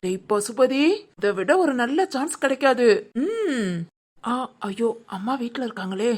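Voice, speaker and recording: A woman voicing a lecherous, scheming young village man in an animated cartoon, teasing and smug. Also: fairly high pitch, a little slow.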